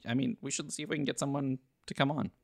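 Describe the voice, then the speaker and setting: A man's voice: mid-range voice, steady tone, quick pace, vocal fry, dry recording, clean studio sound. A man co-hosting a podcast in a casual, hesitant, laid-back way, with trailing phrases. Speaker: podcast co-host.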